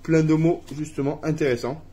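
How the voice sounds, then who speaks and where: A man's voice: fairly high pitch, fairly even intonation, a little fast, mellow, slight background noise. A man from France casually unboxing a family board game at home, reading cards aloud and laughing at his own English accent.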